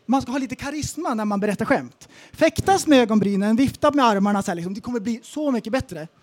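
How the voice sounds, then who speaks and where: A podcast co-host with a very high voice tells comic stories in a casual comedic chat. He's animated and acts out the people in his stories, voicing their quotes.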